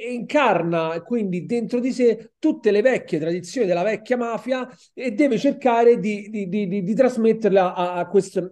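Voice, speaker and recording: A man with a high, mellow voice and an Italian accent co-hosts a podcast. In this casual film and TV review conversation about a TV series, he frequently repeats words while searching for what comes next.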